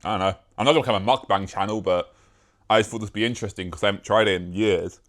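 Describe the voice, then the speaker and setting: A man's voice: lowish voice, fairly even intonation, racing, a bit bright. A young British man talking casually to the camera in a vlog, rambling and self-mocking, with casual swearing. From Britain. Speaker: YouTuber.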